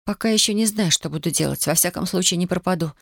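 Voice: mid-range voice, fast, creaky, a bit bright, dry recording. A reader voicing a stubborn young woman grieving in wartime, in a dry studio audiobook recording. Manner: cold, insistent, pleading. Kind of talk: audiobook character voice.

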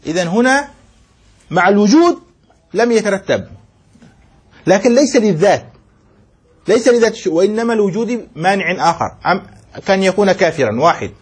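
A man sheikh teaching a classroom commentary on a text, with a husky, slightly breathy voice pitched fairly high. He reads a line, then unpacks it in plain talk. He keeps asking short questions to check that students follow. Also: lively intonation, brisk, pauses often. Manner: reads a passage, then explains it; mixes formal speech with colloquial asides. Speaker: sheikh teaching Islamic jurisprudence.

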